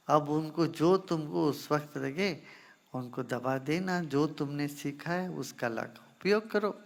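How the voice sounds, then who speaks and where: Man guru type answering questions at an ashram gathering, talks real slow, gently teasing. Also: on the high side, vocal fry, long reverb tail. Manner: unhurried, gently teasing, addresses listeners informally. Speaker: spiritual teacher. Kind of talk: question-and-answer spiritual discourse.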